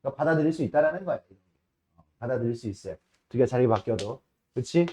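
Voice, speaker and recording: A man teaching a math class in a casual lecture style, often checking with his students and slowing down to stress key terms. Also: mid-range voice, lively intonation, warm tone. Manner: casual, asks students frequent checking questions.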